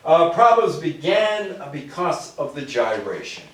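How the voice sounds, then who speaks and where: With a fairly bright, higher voice that swings widely in pitch, an older American man speaks a little slowly. He's giving an informal public talk on music history, reading and commenting on quotes and addressing listeners with brief asides. The room is very echoey and has an audience, and the microphone is distant.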